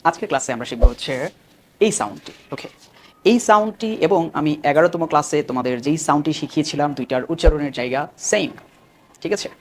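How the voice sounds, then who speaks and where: Fairly high-voiced Bangladeshi male teacher. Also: slight background noise. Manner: repeats model words slowly and loudly for learners. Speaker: English pronunciation teacher. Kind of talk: online pronunciation lesson.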